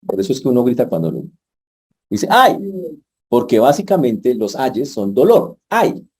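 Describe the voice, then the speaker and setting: A male pastor preaches, talking with the congregation and putting questions to them. His voice is very dark and husky. He sits at a middling pitch for a man. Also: sing-song, moderate pace. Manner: conversational, asks the congregation questions. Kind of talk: sermon. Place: church.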